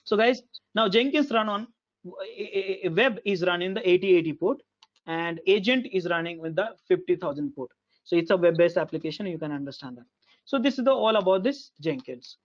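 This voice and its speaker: A man teaching an online class over a video call, halting and repetitive with many fillers, heard through low sample rate audio. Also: animated, muffled recording. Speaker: instructor.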